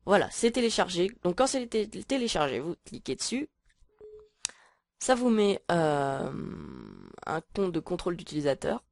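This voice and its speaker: A woman talking through a casual software tutorial, hesitant and full of filler sounds. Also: on the low side, sing-song, normal speed, no echo. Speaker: tutorial maker. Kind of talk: casual screen-recording tutorial.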